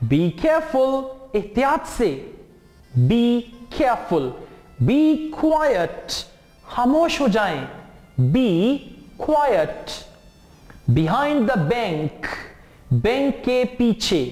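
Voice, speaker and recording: A man from Pakistan with a Pakistani accent, teaching English phrases word by word and then translating them quickly. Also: very high-pitched, darkish tone. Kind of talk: language lesson. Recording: echoey room with long reverb.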